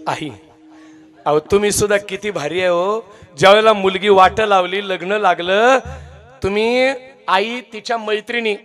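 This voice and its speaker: A man preaching a devotional kirtan sermon with lively, dramatic storytelling. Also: sits high.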